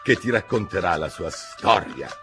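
A man voicing a furious, bossy queen who shrieks and yells at everyone in a storybook reading. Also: deep voice, expressive, normal speed, music in the background. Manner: shrieking, stamping rage. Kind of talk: audiobook character voice.

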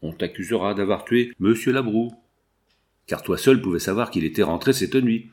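A man's voice: lowish voice, moderate pace, a little mellow, lightly acted. A man voicing a cynical, brutal male foreman who gives orders and threats. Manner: cynical, commanding.

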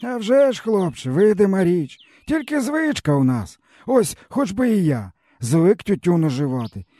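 A man's voice: high-pitched, sing-song, moderate pace, mellow, no echo, pitched above the performer's own voice. A man doing a weary, bitter starving peasant. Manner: mournful, rambling folksy storytelling. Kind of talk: audiobook character reading.

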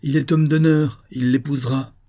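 A man playing a composed 19th-century marquise, firm and unshaken, the voice lifted above his natural low pitch but still mellow. She speaks with quiet resolve. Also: steady tone, normal speed, lightly acted. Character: calm, resolute aristocratic mother, a marquise. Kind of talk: audiobook reading of a 19th-century novel.

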